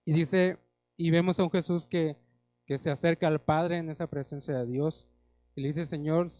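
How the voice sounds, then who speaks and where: Young Mexican male preacher, earnest sermon delivery, a little high-pitched, dry sound. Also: steady tone, moderate pace, no room sound. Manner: earnest, addresses the congregation as brothers, rises loud on scripture quotes.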